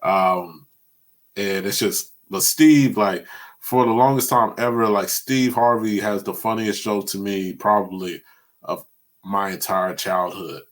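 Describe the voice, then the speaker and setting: A young man hosting a podcast in casual chat, animated and laughing as he retells jokes. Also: on the low side, measured pace. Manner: animated storytelling, laughs a lot, sings bits of jokes. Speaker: podcast host.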